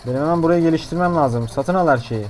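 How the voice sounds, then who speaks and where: Fast, excitable man narrating gameplay. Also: fairly high pitch, slight background noise. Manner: excitable, brash, jokey. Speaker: gaming YouTuber. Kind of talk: gameplay commentary.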